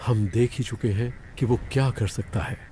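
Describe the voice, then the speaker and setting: A man narrating a wildlife documentary in a dubbed voice-over, explaining calmly. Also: mid-range voice, moderate pace, slight background noise.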